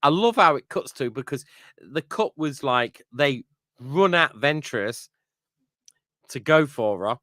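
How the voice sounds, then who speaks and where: A man's voice: mid-range voice, animated, slow pace, a bit bright, no echo, studio quality. A man co-hosting a podcast, casually recapping an episode with lots of fillers and "you know what I mean" tag questions. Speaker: podcast co-host. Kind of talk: casual episode review chat.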